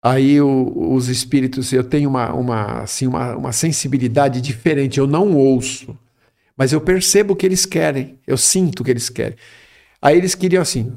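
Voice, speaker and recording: A man's voice: mid-range voice, moderate pace, gravelly, a little mellow. A middle-aged man telling a personal story in a rambling, casual way, often tagging his sentences with a questioning "right?". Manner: rambling, tags phrases with "né?".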